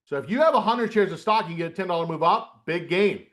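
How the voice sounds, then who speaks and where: Teaching options trading on a live webcast, a middle-aged coach from upstate New York speaks fast with lively intonation and a fairly bright tone, his voice a little high for a man. He keeps things chatty and drifts into folksy asides while going over the trades.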